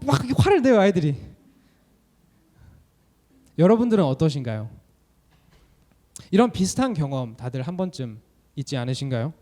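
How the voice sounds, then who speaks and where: Animated young male student preacher. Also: high-pitched. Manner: animated, asks many rhetorical questions. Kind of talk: sermon.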